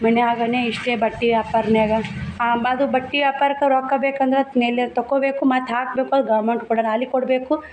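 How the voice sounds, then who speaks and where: A woman's voice: on the high side, fairly even intonation, a little fast, darkish tone. A woman in her thirties with a North Karnataka Kannada accent, talking plainly and from the heart to her viewers at home as a vlogger. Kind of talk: casual talk to viewers. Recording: echoey room, faint noise.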